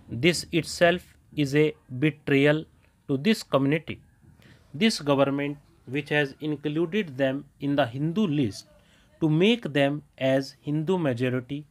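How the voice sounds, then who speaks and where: Higher-pitched man reading dictation. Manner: measured, evenly paced phrase by phrase. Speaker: shorthand dictation reader. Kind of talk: reading a parliamentary speech aloud as dictation.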